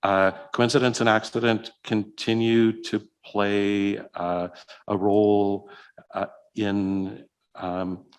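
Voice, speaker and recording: A man's voice: on the low side, level tone, slow pace, smooth. A man giving a conference keynote and answering questions, speaking hesitantly with many fillers and restarts. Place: conference hall.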